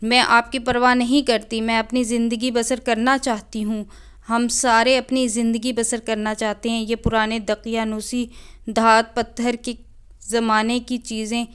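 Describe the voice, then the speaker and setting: A woman's voice: fairly high pitch, clean tone, natural voice. A woman voicing an angry, defiant young woman student leader who speaks in a combative, insistent way.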